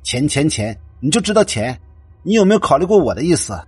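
A man's voice: medium pitch, huge pitch swings, fast, breathy edge, dry recording, soft background music, exaggerated voice. A man voicing a defiant young female student who argues with her mother, cold at times and near tears at others. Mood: upset. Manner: cold, then tearful and shouting. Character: angry young woman student, defiant daughter.

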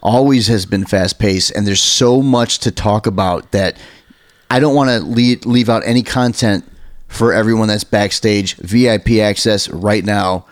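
A man's voice: on the low side, a little slow, no echo, clean studio sound. An American man hosting a casual podcast, chatty and informal, with emphatic, digressive talk. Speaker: podcast host.

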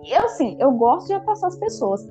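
Fast-talking high-voiced young woman. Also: faint music behind. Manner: animated, lots of fillers and quoted dialogue. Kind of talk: casual storytelling chat with friends.

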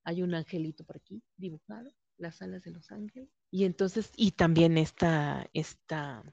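A woman's voice: fairly low pitch, normal speed, gravelly, mellow, husky, dry recording. A woman with a Mexican accent chatting casually as a podcast co-host, telling stories and acting out what others said. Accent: Mexican Spanish. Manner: chatty storytelling that acts out quoted voices. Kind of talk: casual chat. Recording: dull lo-fi recording.

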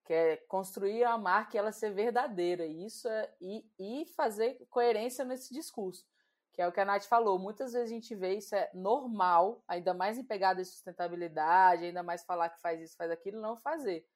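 A woman's voice: mid-range voice, normal speed. A Brazilian woman co-hosts a podcast in an easy conversational tone and keeps the talk moving with her questions. Her voice sits in an ordinary middle range for a woman. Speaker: podcast co-host. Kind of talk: casual podcast chat.

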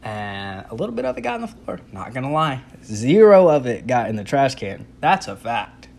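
Speaking at a normal speed with a creaky, mid-range voice, a young guy shares a humorous story about himself. He's laid-back and animated, pokes fun at himself, and performs his own reactions.

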